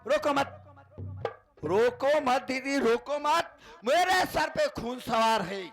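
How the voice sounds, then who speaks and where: A man's voice: extremely high pitch, takes it slowly, over loud music, heavily acted. A man playing a betrayed, vengeful husband in a folk stage play, declaiming to the audience. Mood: furious.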